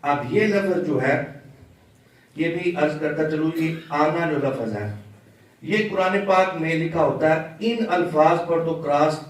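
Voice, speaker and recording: A man teaching Quran recitation in a patient, step-by-step way, chanting example words slowly. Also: on the high side, very echoey, distant mic, rough recording. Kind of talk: slow religious lesson with chanted examples.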